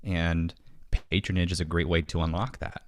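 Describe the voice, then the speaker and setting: This man from the American Midwest has a deep, level-toned voice and talks at normal speed with no room sound. As a podcast guest in a home basement studio, he chats casually and animatedly, performing little quoted conversations.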